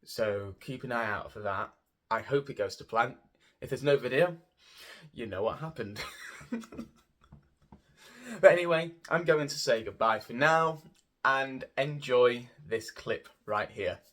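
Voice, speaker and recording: His mid-range, slightly bright voice runs a little slow, with frequent pauses. As a vlogger, the man gives a rambling, gushing theatre review to camera, casually repeating words for emphasis.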